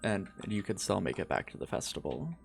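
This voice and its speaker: A man narrating as game master of a tabletop game on a live stream, relaxed and thinking aloud. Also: low-pitched, brisk, vocal fry.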